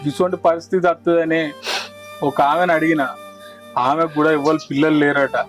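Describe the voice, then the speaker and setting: A man's voice: a little high, steady tone, brisk, soft background music, lightly acted. An actor playing a village brother who urgently persuades his family, speaking in a Telangana Telugu accent. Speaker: younger brother and go-between. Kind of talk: village drama acting.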